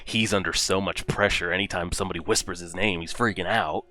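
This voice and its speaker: A man's voice: low-pitched, a little fast, slight background noise. A man hosting a reaction video, talking casually and exclaiming at what he watches. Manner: animated, exclaiming and talking to the characters.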